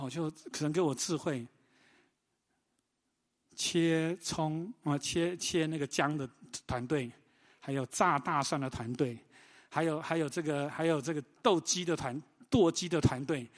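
A man with a fairly high voice preaches a sermon, telling stories with animated energy and tossing questions to the congregation. His voice rings out with a long reverberant tail, as in a large church hall. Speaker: pastor.

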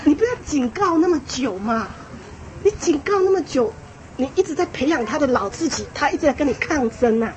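A woman with a high voice lectures an audience on raising children. She talks in a lively, emphatic way, repeating key phrases and breaking into small laughs. Faint background noise sits under her voice. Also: fairly quick, poor audio. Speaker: parenting speaker.

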